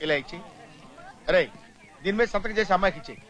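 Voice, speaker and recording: An actor dubbing a boisterous male teacher in a comic film, joking and mocking in rapid banter. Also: sits high, a bit bright. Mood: teasing. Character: boisterous teasing male teacher giving love advice.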